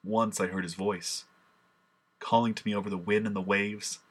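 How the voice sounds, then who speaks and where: A man's voice: on the low side, level tone, normal speed, close to an everyday voice. A man performing a solemn, impassioned first-person monologue as a grieving, remorseful apostle. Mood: sorrowful.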